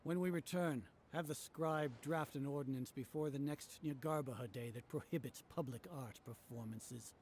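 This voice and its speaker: Male actor as a sneering older scholar-ruler, lecturing and condescending, mid pitch. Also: normal speed, hardly any pauses, a little mellow, slight background noise, close to an everyday voice. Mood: contemptuous. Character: haughty older male scholar leader, contemptuous. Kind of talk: dubbed game voice acting.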